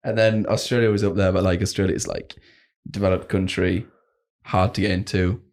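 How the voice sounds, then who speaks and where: A young man trades loose, profane banter on a home podcast and laughs often. His voice sits fairly low. He talks in a relaxed, rambling way. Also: fairly quick. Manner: laughs a lot, swears casually. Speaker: podcast co-host. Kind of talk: casual banter.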